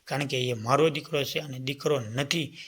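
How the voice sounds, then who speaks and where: A man voicing a loyal herder and foster father in a folk tale who speaks in a measured, earnest way. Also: medium pitch, fairly bright tone, breathy edge.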